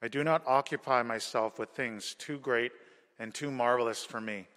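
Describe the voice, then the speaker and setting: A man reading scripture aloud in a church service, with slow, measured delivery and a cathedral echo. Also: mid-range voice, fairly bright tone. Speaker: scripture reader. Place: large church.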